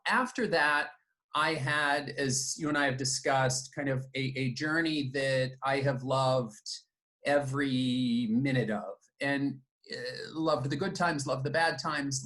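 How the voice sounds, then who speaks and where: A middle-aged man, born in the United States and raised in Japan, telling his life story in a reflective, measured way as an interview guest. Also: mid-range voice, steady tone, fairly bright tone. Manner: reflective, measured, with fillers and restarts. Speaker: guest, company founder and CEO.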